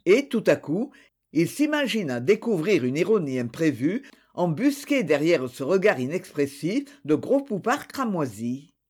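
An audiobook narrator reads a detective novel in a theatrical, expressive way. The pitch moves a great deal from line to line. The pace stays slow and deliberate. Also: breathy edge.

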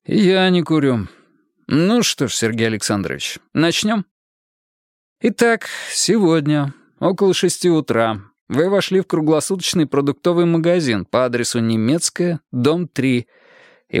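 A man voicing a patient police lieutenant who questions a suspect in a formal, measured way. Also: fairly high pitch, no room sound, clean studio sound. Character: calm patient male police lieutenant interrogator.

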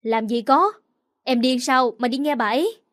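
A woman voicing a brash young man in a storybook, talking roughly and defensively. The voice stays high, and the recording is dry and close. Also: moderate pace, no room sound, close to an everyday voice. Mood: blustering. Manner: rough, blustering.

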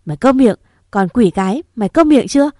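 A woman voicing a furious, domineering older mother-in-law who shouts harsh insults, in a storybook reading. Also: mid-range voice, normal speed, no echo, studio quality, natural voice.

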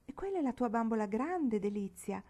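A woman's voice: fairly high pitch, very animated, a little fast, warm tone. A woman doing a coaxing, unhinged noblewoman. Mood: eager. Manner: coaxing, feverishly tender. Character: grieving, unhinged older noblewoman, pleading. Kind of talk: audiobook reading.

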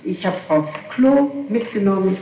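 In a recorded police interrogation, a woman answers questions and insistently explains herself in a warm, expressive, mid-range voice, speaking a little slowly. The echoey, distant archival tape has hiss, and she sits far from the microphone in an echoey room.

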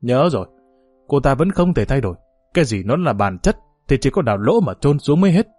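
A man's voice: medium pitch, big pitch swings, a little fast, darkish tone, husky, no echo, faint music behind. A man reading the part of a senior provincial party leader, brusque and authoritative. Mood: firm.

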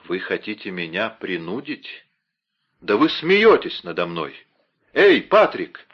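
A man's voice: low-pitched, very animated, unhurried, muffled recording, full character voice. A man reading an audiobook voices a proud, imperious duke who speaks haughtily and exclaims. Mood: haughty, indignant.

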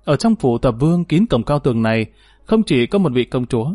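A man's voice: mid-range voice, big pitch swings, brisk, mellow, no room sound, studio quality. A man narrating a historical novel, reading steadily and lifting his voice when characters speak. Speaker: audiobook narrator.

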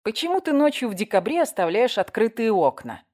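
A woman's voice: on the high side, big pitch swings, brisk, a little mellow, voice pushed up. A woman reading an audiobook, voicing a sarcastic woman editor who teases and mocks her frightened friend. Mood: mocking. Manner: sarcastic, giggling, teasing. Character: mocking sharp-tongued woman editor, teasing.

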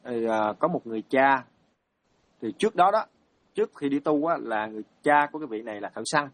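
Male monk, halting dharma storyteller, middle-pitched. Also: expressive, no echo. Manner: hesitant, many fillers and repeated words. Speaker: Buddhist monk.

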